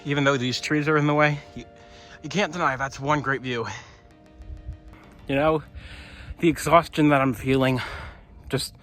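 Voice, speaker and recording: A man's voice: a little high, steady tone, moderate pace, pauses often, a bit bright. A young man narrates his own hike into a handheld camera on a windy wooded trail. He talks chattily and rambles a little, and he sounds winded from the climb. Faint music sits underneath his voice. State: out of breath. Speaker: vlogger. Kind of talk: hiking vlog to camera.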